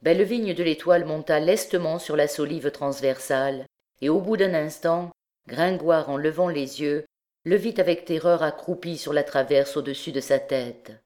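Female audiobook reader, measured, expressive narration. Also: low-pitched.

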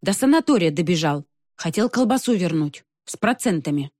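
A timid teenage girl trades quiet, conspiratorial jokes, as a woman reading the story voices her. The voice is lowish and lively, and the recording is dry. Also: normal speed, dry recording. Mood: wry.

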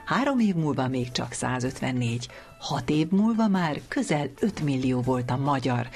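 A woman with a rumbling, low, darkish voice hosts a radio programme, reading scripted narration with music playing behind her.

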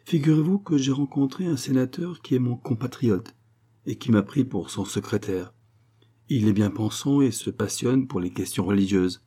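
A man's voice: mid-range voice, moderate pace, slightly rough, lightly acted. A man reading an audiobook, voicing a cheerful, talkative young former clerk. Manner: lively and wordy.

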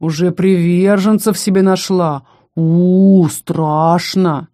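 A woman's voice: fairly low pitch, steady tone, slow, mellow. A woman voicing an arrogant young male senior student who speaks mockingly and condescendingly.

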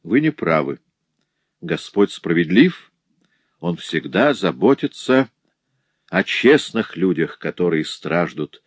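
A man voicing a calm, stern nobleman in a storybook reading, speaking in a kind, sonorous and firm voice. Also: low-pitched, slow pace, long pauses, dry recording, exaggerated voice. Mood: solemn.

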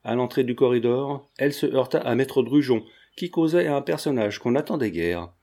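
A man reading a classic novel aloud as an audiobook narrator, with steady storytelling delivery. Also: medium pitch, normal speed.

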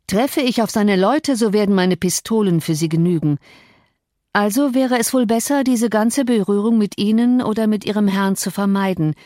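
A woman voicing a brooding, domineering and violent grown man in an audiobook, forceful and threatening. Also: mid-range voice, normal speed, no echo, studio quality, close to an everyday voice. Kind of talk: audiobook reading.

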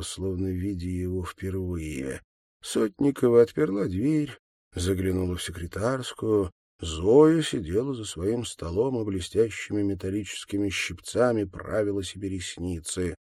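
A man narrating an audiobook in a calm, measured way. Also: deep voice, dry recording, studio quality. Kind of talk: audiobook reading.

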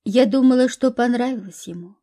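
Woman voicing a tearful naive young woman, plaintive, husky mellow voice, storybook dialogue. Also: fairly high pitch, a little fast.

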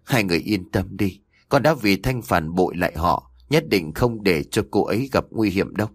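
A man reading the lines of a calm, loyal young husband who speaks steadily and reassuringly. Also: low voice, moderate pace, dry recording, clean studio sound.

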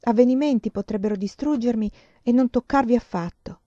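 A woman's voice: on the high side, a little fast, dark tone, no echo, highs cut off, voice pushed up, natural voice. A woman voicing an intense, earnest young female student with impassioned, emphatic speech in a storybook reading.

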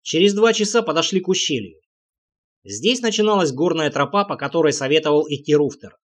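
A man's voice: a little high, animated, fairly quick. A man reading a first-person fantasy audiobook aloud, voicing the characters himself with only small shifts in delivery. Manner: reads all characters himself with slight shifts. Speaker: audiobook narrator.

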